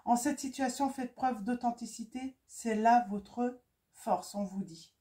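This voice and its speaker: Soft, mellow woman reading cards. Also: a little high. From France. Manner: halting, with many fillers and repeated words. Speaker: tarot card reader. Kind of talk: casual spoken card reading.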